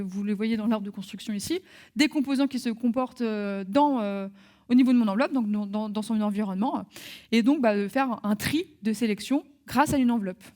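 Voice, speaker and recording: A woman giving a live software training webinar, talking through steps with many fillers and restarts. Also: a little high.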